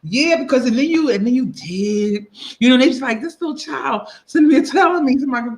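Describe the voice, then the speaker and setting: A woman guest in casual chat, telling a personal story in an animated, expressive, folksy way. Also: high voice, fairly quick, a little hiss or hum, poor audio. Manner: folksy, conversational.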